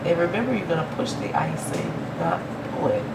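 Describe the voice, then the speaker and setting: A woman's voice: on the low side, sing-song, fairly quick, gravelly, very noisy. A woman shop owner giving a casual, chatty demonstration. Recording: loud crowd chatter behind.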